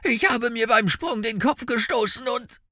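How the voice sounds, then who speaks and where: A rough, pushy bounty hunter from a storybook, as a male narrator puts him on, his voice raised above the reader's own and gruff. The sound is dry, with the mic close. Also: a little high, very animated, normal speed, pushed and bright, dry recording, pitched above the performer's own voice, heavily acted. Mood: panicked.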